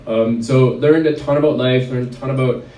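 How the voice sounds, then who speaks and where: Speaking at a wellness event in an event venue, a male chiropractor from Red Deer, Alberta, Canada shares a personal story casually, rambling and using lots of fillers. His mid-range, warm voice moves at normal speed with fairly even intonation. A distant mic makes it roomy, and there's a little hiss or hum.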